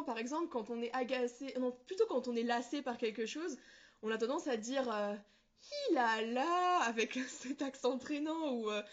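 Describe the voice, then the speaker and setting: A woman's voice: fairly high pitch, highs cut off. A woman from New Caledonia answers interview questions casually, searching for words and correcting herself. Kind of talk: casual interview answers about personal experience.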